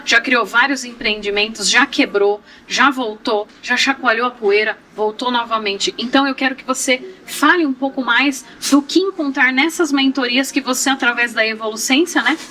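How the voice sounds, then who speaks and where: A woman's voice: fairly high pitch, moderate pace, hardly any pauses, bright, forceful tone, a little hiss or hum, rough recording. A woman from Brazil hosting a podcast, chatty and framing questions for her guest in casual talk. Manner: chatty, leading questions with many tag questions. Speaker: podcast host.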